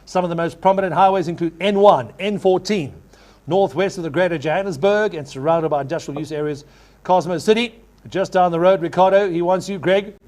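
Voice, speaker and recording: High-pitched man calling an auction. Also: darkish tone. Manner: repeats figures in rapid chant when taking bids. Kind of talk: live property auction calling.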